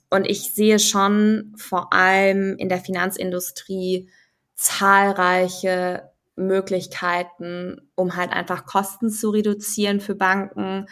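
On a conversational podcast, a young female guest who specializes in finance and crypto talks through her ideas thoughtfully, often restarting and using fillers. Her voice is medium in pitch with a slightly bright quality.

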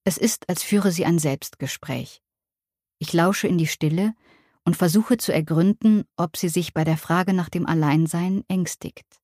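Calm woman reading an audiobook. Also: on the low side, no room sound, clean studio sound. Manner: calm, measured and reflective. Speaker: narrator.

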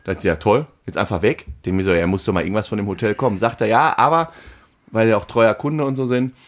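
German man telling a lively story. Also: lowish voice, fast. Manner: animated anecdote-telling, acts out quoted phone calls. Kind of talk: casual storytelling chat.

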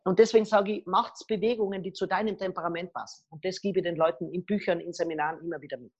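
A middle-aged woman speaking as a guest expert on body language, telling lively stories full of acted quotes. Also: on the low side, fast, husky, muffled recording. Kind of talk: podcast interview.

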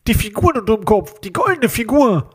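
A man's voice: high-pitched, very animated, moderate pace, slightly rough, voice pushed up, full character voice. A man voicing a teenage bully who disguises his voice on the phone by holding his nose, nasal and mocking. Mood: menacing. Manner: threatening, mocking. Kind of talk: audiobook reading.

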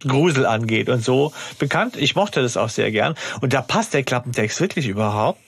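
A man co-hosting a podcast, speaking in a relaxed, casual way with a husky voice. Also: medium pitch, normal speed. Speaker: podcast co-host. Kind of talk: casual chat.

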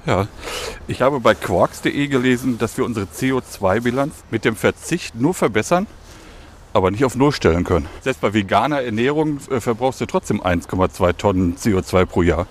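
A man's voice: mid-range voice, lively intonation, brisk, slight background noise. A man interviewing someone outdoors, asking short questions. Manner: brief, asks questions. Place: outdoors on a street.

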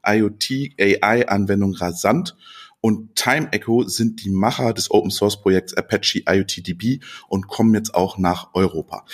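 A man reading a podcast's opening announcement in a brisk, announcer-like way. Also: fairly low pitch. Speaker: podcast host. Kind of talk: scripted show intro.

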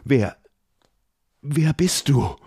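A terrified young elf prince, as a male narrator puts him on, crying out in a raised, strained voice that trembles with fear. He sounds far higher and louder than the narration around him. The recording is close and dry, as in a fantasy audio drama. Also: very animated, slow pace, breathy edge, dry recording, exaggerated voice. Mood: frightened. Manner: panicked, pleading, voice trembling.

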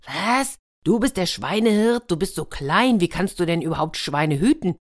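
A woman's voice: fairly low pitch, expressive, moderate pace. A woman voicing a proud ruler who blusters and scoffs. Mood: incredulous. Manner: blustering, indignant. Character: proud ruler of the land, adult man.

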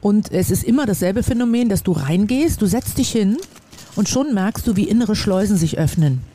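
A man's voice: high voice, lively intonation, moderate pace, warm tone, slight background noise. A man telling a personal story in a casual chat on a small balcony, earnest and confessional. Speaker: podcast co-host.

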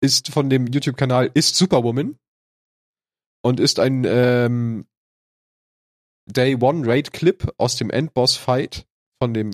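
A man's voice: medium pitch, no room sound, clean studio sound. Congested, nasal man hosting a podcast. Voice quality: congested, stuffy nasal voice from a cold. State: snotty with a cold. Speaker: podcast host. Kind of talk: casual podcast talk.

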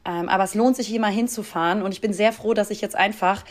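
A woman's voice: mid-range voice, steady tone, fast talker. Woman, from Hamburg, podcast co-host, casual chat, jokey, chatty, laughs a lot, holiday room. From Hamburg, Germany.

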